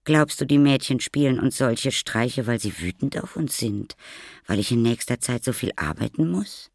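A man's voice: mid-range voice, lively intonation, normal speed, vocal fry, dry recording, clean studio sound, voice pushed up. Man doing an anxious middle-aged mother.

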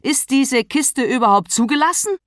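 A woman's voice: fairly low pitch, sing-song, a little slow, a bit bright, no room sound, studio quality. A woman voicing an irritable, prickly woman driver who talks back indignantly, in a storybook reading. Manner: snappish, indignant.

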